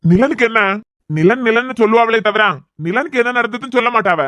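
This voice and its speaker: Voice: medium pitch, quick pace, fairly bright tone, no room sound, lightly acted. A man voicing a stern middle-aged father in a cartoon series, pressing impatiently for answers in a Kanyakumari Tamil accent. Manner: impatient, demanding, pressing questions. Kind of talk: cartoon voice acting.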